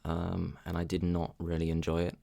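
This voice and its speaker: A man reviewing a song in a casual reaction video, thinking aloud with frequent ums and restarts and giving candid, measured opinions. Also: low voice, monotone, gravelly, mellow. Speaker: music reaction channel host. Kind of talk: casual spoken music review.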